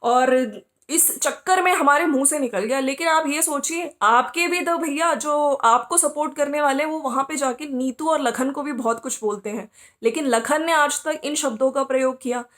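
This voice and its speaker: On her podcast, a woman reacts to social media gossip by directly scolding those involved and posing rhetorical questions to them. Her voice sits high with a fairly bright tone, and her pace is moderate.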